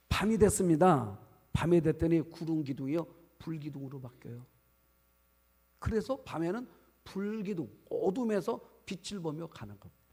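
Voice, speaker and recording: Gravelly Korean pastor preaching in a hall. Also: male voice, a little high, a little mellow. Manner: preaching with rhetorical questions to the congregation. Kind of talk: sermon. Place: church sanctuary. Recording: long church hall reverb.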